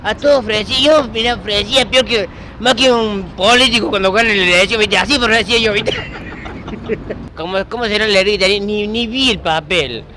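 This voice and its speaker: A middle-aged Argentine man with a notably high voice tells an excitable, laughing story. He breaks into shouts now and then. Street noise and passing cars fill the background. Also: normal speed. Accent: Argentine Spanish. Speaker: passer-by telling a story. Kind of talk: animated anecdote. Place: outdoors on a city street. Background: street noise and passing vehicles.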